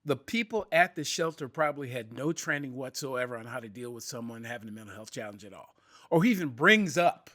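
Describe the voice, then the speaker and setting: A man hosting a podcast, talking in a reflective, halting way and often repeating words. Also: medium pitch, sharp tone. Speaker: podcast host. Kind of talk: interview conversation.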